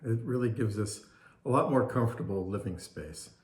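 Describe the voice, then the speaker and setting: A man's voice: lowish voice, moderate pace, a little mellow. Older man, casual chat, short hesitant replies, agreeable manner, echoey room. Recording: roomy, echoey indoor sound.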